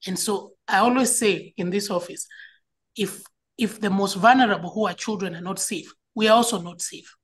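A woman gives an earnest panel talk at a middle pitch. She speaks personally and directly and often repeats words as she stresses a point. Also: normal speed, slightly rough. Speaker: school educator and parent speaker. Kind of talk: panel talk on child safety.

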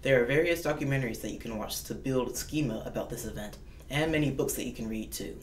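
A man's voice: medium pitch, quick pace. Man reading school announcements over the intercom, roomy and far off. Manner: formal, reads with occasional restarts. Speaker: school morning announcements host. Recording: echoey and distant with faint noise.

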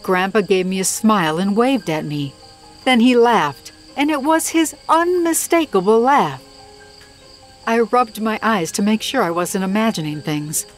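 Female narrator for scary stories, animated intonation, measured delivery, soft music bed. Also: mid-range voice. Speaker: horror story narrator. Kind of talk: scripted first-person story narration.

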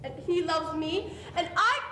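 A woman's voice: a little slow, pushed and bright, heavily acted. Earnest young sweetheart, played by a woman for period stage drama, heard from far off with noise. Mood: defiant. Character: earnest, flustered, proud young woman in love. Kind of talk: amateur stage play acting. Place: theatre stage, indoors. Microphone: far camera. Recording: noisy, rumbling, echoey distant stage recording.

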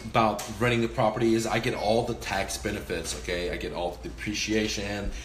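A man's voice: fairly low pitch, fairly even intonation, brisk, reverberant, a little hiss or hum. A man in his forties, a real estate investor, giving a casual, profane, emphatic talk to the camera while gesturing with his hands. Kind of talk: casual instructional vlog. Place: indoors, small room by a window.

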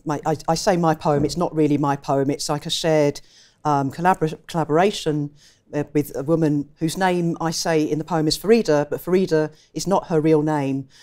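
A poet from England, speaking with an English accent, talks thoughtfully in a conversational interview and often corrects herself as she goes. Her voice is low-pitched and a little mellow.

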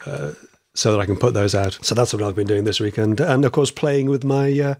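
A man in casual podcast chat as a host, with a slightly wheezy, croaky voice and a rambling, stop-start delivery. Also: lowish voice, fairly even intonation, brisk, a little mellow, slight background noise.

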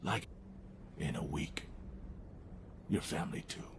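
An actor playing a cold, ruthless police boss who gives menacing, matter-of-fact orders. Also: male voice, rumbling low, lively intonation, slow, full character voice. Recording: noisy film soundtrack.

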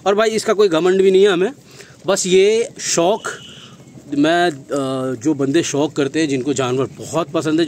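A man's voice: on the high side, a little mellow, slight background noise. Chatty Kolkata man touring his goat farm. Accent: Kolkata Hindi. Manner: chatty, addresses viewers as brother, frequent tag questions. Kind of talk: casual farm tour vlog. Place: outdoor farmyard with goats.

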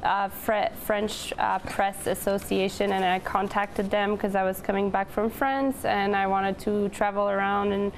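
A woman in her twenties from Montreal, Canada, a newspaper editor-in-chief, chats casually as a guest in a studio interview, recorded on a lapel mic. Her medium-pitched voice stays steady and measured with few pauses, over a little hiss or hum.

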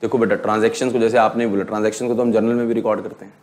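A middle-aged man with an Indian English accent teaching an accounting class, mixing Hindi and English, putting questions to students and slowly dictating definitions. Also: on the low side, little pitch movement, a little mellow. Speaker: accounting lecturer. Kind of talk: classroom lecture.

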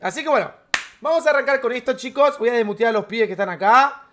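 Argentine dude streaming games live, kinda high voice, hyped and slangy with chat. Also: male voice, fast, a little hiss or hum. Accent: Argentine Spanish. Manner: energetic, slangy, chatty with viewers. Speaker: game streamer.

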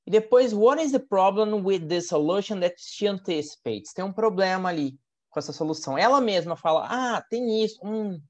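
A man with a Brazilian Portuguese accent runs a live online class on English test strategies, talking in a chatty, explanatory way and tossing in "né?" again and again. The webinar audio is muffled and low in fidelity.

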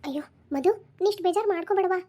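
A woman's voice: extremely high pitch, racing, mellow. A woman voicing an older mother who comforts her daughters with soothing, practical words, in a Dharwad Kannada accent. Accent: North Karnataka (Dharwad) Kannada.

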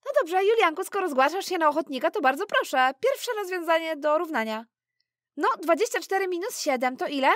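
Woman as a brisk cheerful teacher toy. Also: very high-pitched, expressive, a bit bright, dry recording, studio quality. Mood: encouraging. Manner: brisk, encouraging classroom tone. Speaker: teacher figure.

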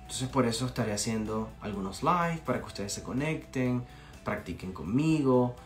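A young Venezuelan man gives a casual English lesson on a livestream, chatty and encouraging, frequently checking on his students and slowly repeating phrases for them to practice. His medium-pitched voice is animated, with faint music in the background.

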